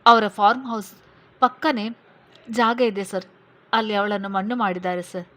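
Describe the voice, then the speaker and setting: A woman's voice: mid-range voice, fairly even intonation, moderate pace, a bit bright, lightly acted. A woman voicing a grieving young orphaned woman who pleads tearfully with an officer, calling him sir.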